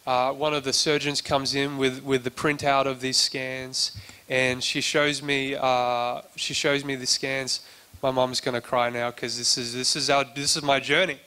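A man's voice: medium pitch, level tone, measured pace, bright, forceful tone, smooth. A man preaching a sermon and telling his own story in a loose, conversational way, acting out the dialogue he quotes. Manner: conversational, acts out quoted dialogue, frequent restarts. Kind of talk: sermon testimony.

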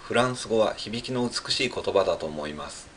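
A man's voice: lowish voice, lively intonation, fairly quick, fairly bright tone, a little hiss or hum. A man from Japan with a Japanese accent, carefully practicing French pronunciation and repeating it in Japanese, drilling syllables one by one. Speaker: French learner. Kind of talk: language practice monologue.

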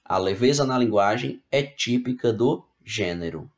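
A male teacher with a middle-pitched voice gives an online lecture over slides, reading each point aloud and then explaining it again in everyday words. He's animated and measured, casually checking whether students are keeping up with "né?" and "tá bom?".

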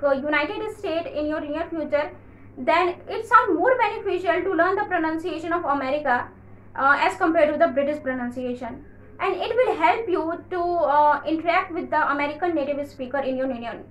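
A woman teaching English in a casual video lesson, explaining at length with frequent pauses and fillers. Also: high voice, fairly bright tone, echoey room, poor audio.

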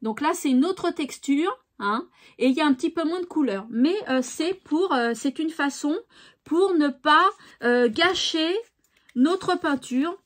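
A woman's voice: high voice, expressive, measured pace, a bit bright. A woman hosting a craft tutorial, chatting casually and thinking aloud with fillers. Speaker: craft channel host.

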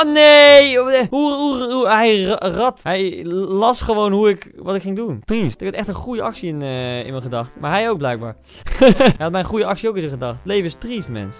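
A young man with a high voice and a Dutch accent talks through a football video game, muttering one moment and yelling at the screen the next. Faint music plays in the background. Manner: excitable, swings from mumbling to yelling at the game. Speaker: gaming streamer. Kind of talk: casual gameplay commentary.

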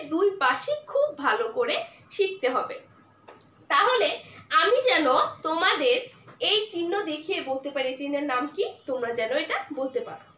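A woman's voice: extremely high pitch, sharp tone. A woman teaching an online class for young children, patiently asking questions and answering them herself. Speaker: primary school teacher. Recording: echoey room with faint noise.

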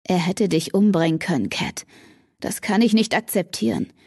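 A woman voicing an angry, protective young male alien in an audiobook, threatening in a low, hushed way. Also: normal speed, slightly rough, no echo, studio quality. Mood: menacing.

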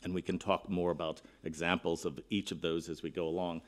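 A middle-aged man delivers a conference keynote while seated at a panel table, speaking into a table microphone. His low voice varies little in pitch and moves fairly quickly, earnest and emphatic, and he frequently restarts his phrases.

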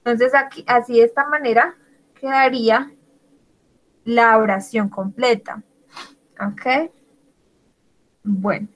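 A woman teaching an English lesson to Spanish speakers, speaking slowly and deliberately and spelling words out letter by letter. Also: a little high, steady tone, rough recording. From Latin America. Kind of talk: bilingual online English lesson.

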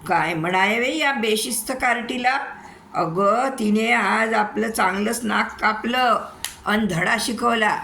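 A woman voicing a shrill, scandalized gossip. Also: slow, vocal fry, bright, forceful tone, slight background noise, heavily acted. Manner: shrill exclamations, lamenting.

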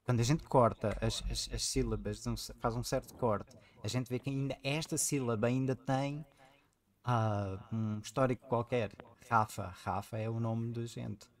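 A man's voice: mid-range voice, normal speed. A man leads an informal reading session, eagerly explaining ideas aloud to a child. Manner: animated explaining, eager, pointing things out. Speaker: reading group leader. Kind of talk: informal teaching chat with a child.

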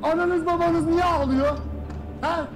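An actor playing a stern army commander who scolds and shouts orders at his soldiers in a film drama. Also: extremely high pitch, steady tone, measured pace. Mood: shouting, furious. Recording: film audio with loud music score.

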